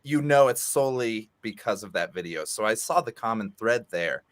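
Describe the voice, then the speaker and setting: A man talking as a guest in a casual interview over a video call, relaxed and rambling with fillers and restarts. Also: on the low side, normal speed, dry recording. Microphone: remote video call.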